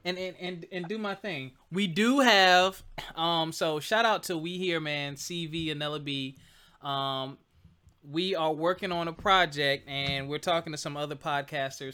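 A man's voice: fairly high pitch, bright, forceful tone, clear, resonant tone. A man hosting a podcast in casual, slangy, joking chat. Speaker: podcast host.

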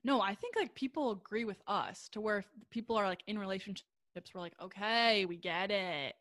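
A woman's voice: mid-range voice, a little fast, fairly bright tone, no room sound, studio quality. A young woman co-hosting a podcast, talking casually, full of "like", swearing freely and laughing often. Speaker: podcast co-host. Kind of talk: casual chat.

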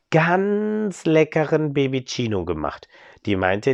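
A man improvising a bedtime story for a child, in an animated storytelling manner. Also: mid-range voice, dry recording, dull audio.

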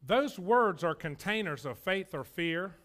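A pastor with a drawl delivers a folksy, joking sermon. His voice sits high for a man and rings sharp and bright as he presses his points home. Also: expressive, unhurried. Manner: folksy, joking, emphatic preaching.

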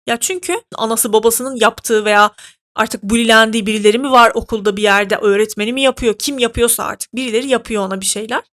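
A woman hosting a podcast, telling a story in an indignant, animated way with many fillers. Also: on the high side. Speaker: podcast host. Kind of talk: casual podcast monologue.

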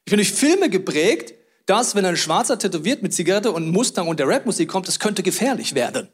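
Male pastor, middle-aged, high voice, lively sermon storytelling, loud bursts and quiet asides. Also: fairly quick, slightly rough. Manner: animated storytelling with sudden loud outbursts and hushed asides. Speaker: preacher.

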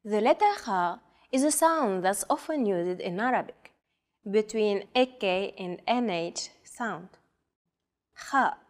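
A woman's voice: mid-range voice, expressive, measured pace, a little mellow. A woman co-hosting a language lesson, carefully modelling example words in scripted narration.

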